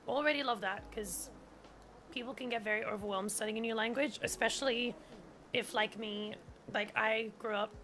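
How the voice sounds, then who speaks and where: On a gameplay stream, a woman whose first language is German talks at a moderate pace in a highish, fairly bright voice with fairly even intonation. She's chatty, leans heavily on "like," and reads on-screen tutorial text aloud, with a little hiss or hum in the audio.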